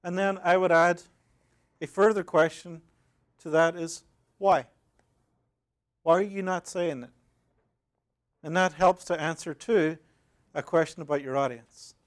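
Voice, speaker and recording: A man with a Northern Irish accent, an academic librarian giving a measured, explanatory conference talk. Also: fairly high pitch, steady tone. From Northern Ireland. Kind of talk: conference presentation.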